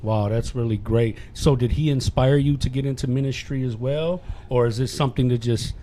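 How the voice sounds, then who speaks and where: A man born in Chicago hosting a podcast, asking questions in a relaxed, slangy way. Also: medium pitch, fairly quick, a little hiss or hum. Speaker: podcast host. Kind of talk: casual podcast interview.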